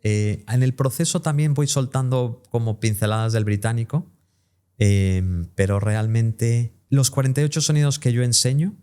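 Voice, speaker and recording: A man, speaking as an interview guest. He explains English pronunciation clearly, stopping to sound out English words as examples. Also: fairly low pitch, dark tone.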